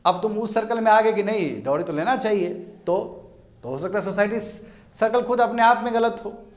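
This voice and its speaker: Guy teaching a class, higher voice, keeps throwing questions at students, echoey room. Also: moderate pace. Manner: animated, asks students rhetorical questions. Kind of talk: classroom lecture.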